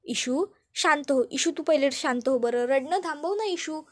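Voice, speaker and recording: A woman's voice: high-pitched, moderate pace, close to an everyday voice. A woman voicing a worried older woman who anxiously pleads with and soothes a crying girl.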